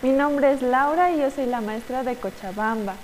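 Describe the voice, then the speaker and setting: A young woman tells a Bible-class story to children, with a slightly high voice. She pauses often and keeps checking in with little tag questions and fillers. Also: darkish tone, in a large hall, slight background noise, rough recording. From Bolivia. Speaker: children's Sunday school teacher.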